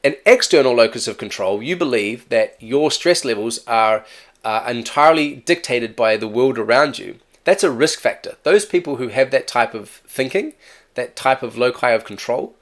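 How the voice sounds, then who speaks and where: A man teaches an exam-prep class in a relaxed, talkative way, his accent non-native or regional. His mid-range voice is a little bright and expressive, at an ordinary pace, and he keeps correcting himself and asking "right?"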